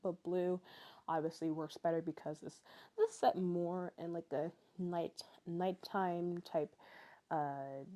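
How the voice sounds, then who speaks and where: A young woman in her twenties, sounding tired, speaks slowly in a fairly low, steady, mellow voice as she narrates her vlog. Her native English is chatty and rambling, laced with fillers and little laughs.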